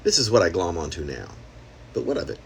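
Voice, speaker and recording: Quick and creaky, this low male voice has big pitch swings and a fairly bright tone. A poet reads his own experimental prose poem wryly and conversationally, slipping in asides and rhetorical questions, with a bit of hiss or hum present.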